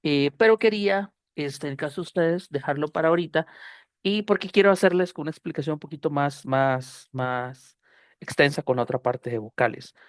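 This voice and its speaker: A man's voice: a little high, moderate pace, no echo, clean studio sound. A Spanish-speaking man with a Costa Rican accent, teaching an online English pronunciation class, explaining patiently and often repeating phrases with fillers. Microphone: computer mic on a video call.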